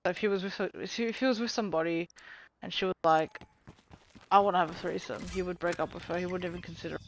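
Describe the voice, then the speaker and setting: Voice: medium pitch, steady tone, quick pace, a little hiss or hum. A tired game streamer chatting casually while playing, mumbling and rambling with plenty of swearing. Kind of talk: casual live-stream chat while gaming. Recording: gunfire from the game behind the voice.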